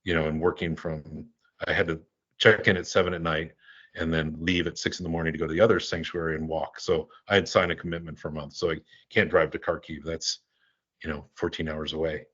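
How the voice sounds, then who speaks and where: Deep-voiced older man telling a story. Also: level tone, fairly bright tone, breathy edge, highs cut off. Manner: rambling, halting, many restarts. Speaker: guest, animal relief volunteer. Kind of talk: storytelling in a casual interview.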